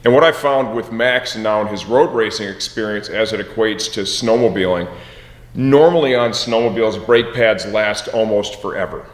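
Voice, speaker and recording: A middle-aged Michigan man, host, team owner and father, jokes around with his son in a large garage workshop, casually asking him leading questions. His lowish voice moves at a moderate pace, picked up by a far camera with no mic in sight, so the sound is echoey and roomy.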